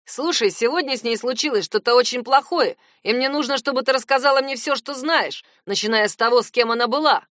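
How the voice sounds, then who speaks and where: A woman voicing a nosy, hotheaded young male cousin who keeps pressing with loud, insistent questions. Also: fairly high pitch, brisk, hardly any pauses, no echo, clean studio sound, pitched above the performer's own voice, close to an everyday voice. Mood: scheming, mocking.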